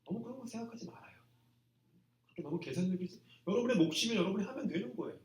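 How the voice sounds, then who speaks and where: A man preaching a sermon to students in a plain, conversational way, often dropping to a soft trailing voice at the ends of phrases. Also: high-pitched, big pitch swings, racing. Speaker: pastor. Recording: echoey hall from a distance.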